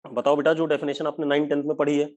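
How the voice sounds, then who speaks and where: A man's voice: fairly high pitch, completely flat delivery, a little mellow, muffled recording. Hindi-speaking male physics teacher dictating. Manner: dictates slowly, asks students if it's clear, mixes English terms into Hindi. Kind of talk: online live class lecture.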